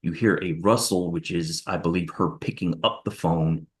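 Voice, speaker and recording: Deep voiced guy on the witness stand, careful step by step account, low steady tone. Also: normal speed. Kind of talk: courtroom testimony. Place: courtroom.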